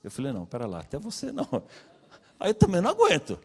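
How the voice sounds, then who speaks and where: A man with a Brazilian Portuguese accent preaching a sermon, telling his own story and acting out the dialogue with swings in pitch and loudness. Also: huge pitch swings, fast talker, breathy edge. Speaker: pastor. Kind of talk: sermon testimony. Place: church hall. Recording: long reverb of a church hall.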